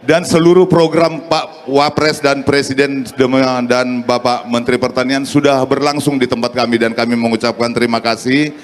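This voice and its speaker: A man's voice: mid-range voice, flat delivery, moderate pace. A man from North Sumatra, a rice farmer, earnestly and respectfully petitioning an official. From North Sumatra, Indonesia.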